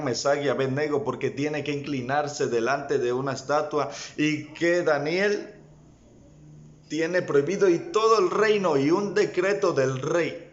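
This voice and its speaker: Slow-speaking male preacher, lo-fi sound. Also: a little high. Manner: addresses listeners directly, rising in fervor. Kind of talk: sermon. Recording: dull lo-fi sound.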